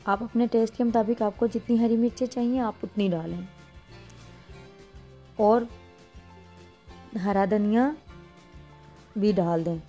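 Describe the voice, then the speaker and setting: A woman's voice: mid-range voice, steady tone, a little slow, pauses often, dark tone, faint music behind. A woman hosting her cooking channel, explaining a simple recipe step by step. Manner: plain step-by-step instruction with restarts. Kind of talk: voice-over cooking tutorial.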